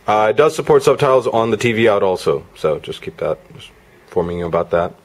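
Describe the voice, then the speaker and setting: A man demos a gadget hands-on, talking fast in a lowish voice with lively intonation. As a product reviewer, he's informal and off-the-cuff, with demo-video music coming from a player in the background.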